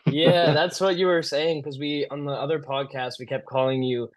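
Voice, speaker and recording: A man's voice: a little high, steady tone, moderate pace. Easygoing man hosting a podcast. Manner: friendly, easygoing, laughs along. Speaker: podcast host. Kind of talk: casual interview chat.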